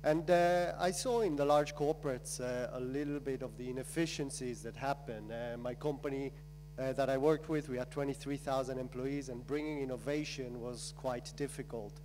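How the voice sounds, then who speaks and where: A man's voice: medium pitch, fairly even intonation, moderate pace, darkish tone, low-quality recording. A man from Israel giving a conference talk in a loose, chatty way with many fillers. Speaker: accelerator founder. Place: conference stage. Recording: mains hum in background.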